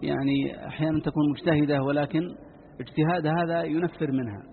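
A man, a sheikh teaching Quran recitation, answers listeners' written questions in a measured way, with many "I mean" fillers. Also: on the high side, steady tone, creaky. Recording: tinny phone-like lecture recording with faint hiss.

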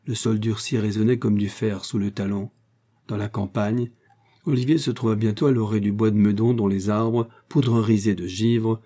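Male audiobook narrator, measured delivery, low-pitched, dark mellow tone. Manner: steady, measured reading. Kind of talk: scripted narration.

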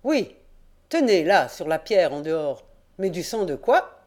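A woman reading an audiobook, voicing a grumpy rustic old male caretaker in his sixties with gruff, folksy country speech. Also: lowish voice, sing-song, a little slow, darkish tone. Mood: grumbling.

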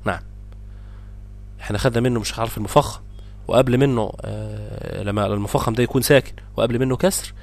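A man with an Egyptian accent teaching a tajweed lesson. He explains each rule briskly and then stretches out the example words slowly. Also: mid-range voice, steady tone, gravelly, a little mellow. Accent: Egyptian Arabic. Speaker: Quran recitation teacher.

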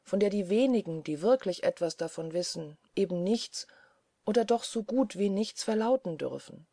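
A woman voicing an earnest male scholar's assistant who speaks in a dry, measured, lowered voice. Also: animated, creaky, dark tone, no echo. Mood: grave, hushed.

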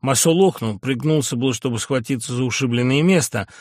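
A man reading an audiobook aloud in a measured literary narration style, close to a studio mic. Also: mid-range voice, a little mellow, dry recording. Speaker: audiobook reader.

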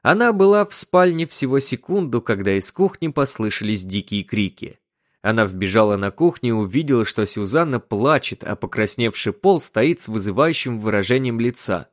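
A man narrating a short story in an expressive reading. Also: mid-range voice, normal speed, no echo, studio quality.

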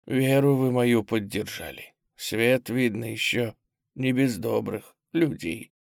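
A man's voice: mid-range voice, slow, vocal fry, no room sound, clean studio sound. A man reading an audiobook, voicing a poor, sick elderly widow who speaks plaintively.

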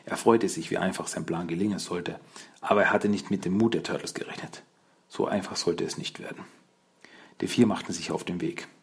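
A man reading a children's audiobook as narrator, in measured storytelling. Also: sits low, fairly even intonation, slightly rough.

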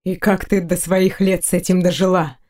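A woman voicing an adult male dark knight in an audiobook, with a husky, velvety voice, speaking low and mocking, half in a whisper. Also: flat delivery, moderate pace, close to an everyday voice. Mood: husky teasing.

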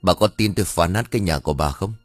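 A man's voice: low-pitched, quick pace, dry recording, faint music behind. A man voicing an aggressive drunk young tenant, surly and threatening.

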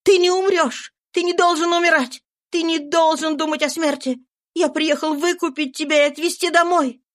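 A woman's voice: high-pitched, a little slow, pitched above the performer's own voice. A woman voicing an earnest young man who pleads passionately in an audiobook reading. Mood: pleading, impassioned. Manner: pleading and impassioned.

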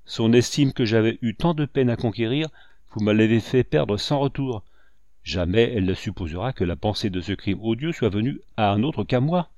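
A man's voice: fairly low pitch, animated, normal speed, a little mellow, dry recording, studio quality. A man voicing a grave, anguished male commander, proud and restrained, with stern, urgent questions.

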